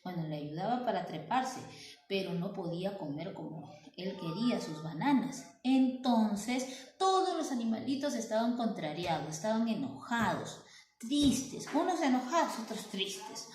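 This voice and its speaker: A woman telling a story to children, animated and often asking the listener questions. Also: mid-range voice, a little slow, soft background music. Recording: roomy echo.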